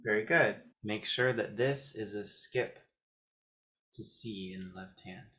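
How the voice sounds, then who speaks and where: Speaking slowly in a lowish, fairly bright voice, a man walks viewers through a piano piece step by step. As host of video lessons, he counts notes and fingerings deliberately in short bursts, with piano playing behind.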